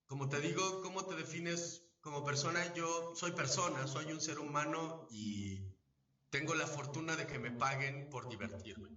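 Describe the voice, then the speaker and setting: A Mexican-accented man lays things out patiently, like a teacher who checks you are following. His voice is bright and forward. He sounds distant from the mic, with an echoey, somewhat dull sound from a big room. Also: on the high side. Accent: Mexican Spanish. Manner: didactic, measured, asks if understood. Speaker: voice actor, interview guest. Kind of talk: live event interview, explaining at length. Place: event venue.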